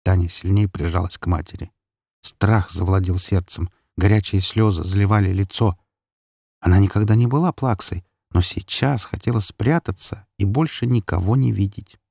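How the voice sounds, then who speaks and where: A male narrator reading a dark story aloud in a low, gravelly voice, steady and even. The close mic gives a very dry sound with no room to it. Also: moderate pace, no echo. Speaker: audiobook narrator. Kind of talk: scripted narration.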